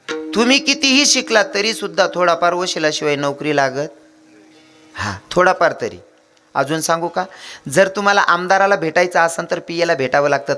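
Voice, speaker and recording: A man's voice: high voice, sharp tone. A man with a Khandeshi Marathi accent preaching a humorous devotional kirtan sermon, telling stories with acted voices and jokes to a live audience. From India.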